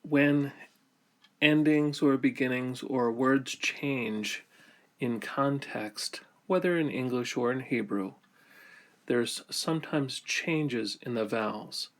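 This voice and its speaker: Slowly and deliberately, a man explains a grammar lesson step by step in a mid-range voice, leaving many pauses between phrases.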